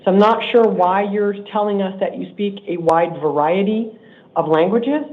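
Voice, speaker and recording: A man takes the role of judge at a court hearing, using a high-pitched voice. He is stern and measured, going back over his words when pressing a point, and the recording comes through as tinny court livestream audio.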